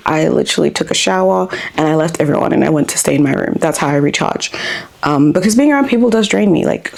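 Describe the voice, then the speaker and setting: A woman with a lowish, gravelly, darkish voice talks through her thoughts in a reflective personal vlog, using frequent ums and likes. She was born in Africa and grew up in Australia.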